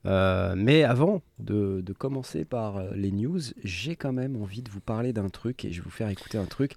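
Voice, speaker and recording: A man's voice: fairly low pitch, lively intonation, moderate pace, gravelly, darkish tone, no room sound. A man hosting a casual live chat about music gear, teasing his guests and laughing often. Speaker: host.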